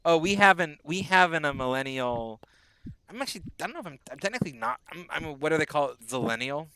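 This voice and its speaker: His voice is a little high, very animated, and quick, set against a noisy background. This twenty-something man is a bit sick and on bed rest, casually chatting and rambling with his live-stream chat as he plays a game and answers messages.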